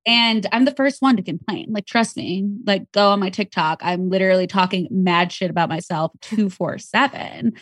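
A young woman, pregnant and chatting openly as a podcast guest. She speaks at a middle pitch, loosely and with plenty of fillers. The room sound is dry and close. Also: normal speed, hardly any pauses, no room sound. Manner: candid, chatty, heavy on fillers. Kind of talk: casual chat.

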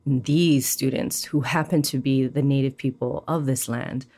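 The guest, a woman poet from Hawaii, speaks at an extremely low pitch during a reflective interview. Her thoughtful, animated answers are sprinkled with pauses and the fillers "um" and "you know."

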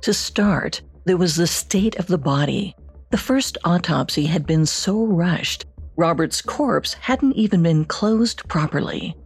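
A woman co-hosting a podcast, reading scripted true-crime narration with measured storytelling delivery. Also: on the low side, expressive, breathy edge, faint music behind. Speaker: podcast co-host.

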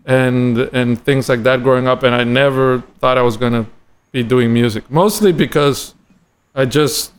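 A Costa Rican man, a guest drummer and educator, speaks thoughtfully and haltingly with many restarts during a casual podcast conversation. His voice is medium-pitched, clear, and resonant.

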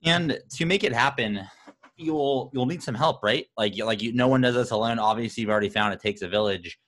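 Guy hosting a startup podcast, normal pitch, kinda rambly questions. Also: fairly quick, a bit bright. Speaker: podcast host. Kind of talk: podcast interview.

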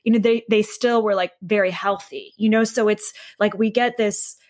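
A woman's voice: mid-range voice, fairly even intonation, normal speed, darkish tone. A woman guest in a conversational interview, speaking reflectively with frequent fillers and restarts. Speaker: podcast guest, health coach.

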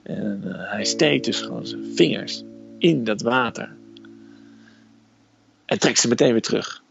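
Man, very gravelly voice, hesitant storyteller, slightly muffled sound, faint music behind. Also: fairly low pitch, measured pace. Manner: hesitant storytelling, frequent "eh" fillers. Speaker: guest telling a personal story. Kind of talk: casual spoken storytelling.

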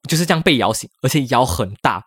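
Guy on a podcast, talks super fast, voice swings up and down a lot, laughy. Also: mid-range voice, slightly rough, no room sound, clean studio sound. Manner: animated, laughs often, code-switches English words. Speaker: podcast co-host. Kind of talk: casual storytelling chat.

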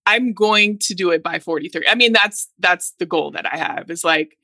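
A woman's voice: on the low side, normal speed, no room sound. A woman in her thirties talking earnestly and thoughtfully in a casual chat. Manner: earnest, thoughtful, with soft laughs.

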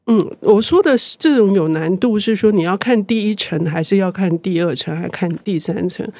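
A woman's voice: medium pitch, normal speed, a little mellow, no room sound. Older woman, thoughtful, dry close mic. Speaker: publisher, interview guest. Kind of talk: reflective interview conversation.

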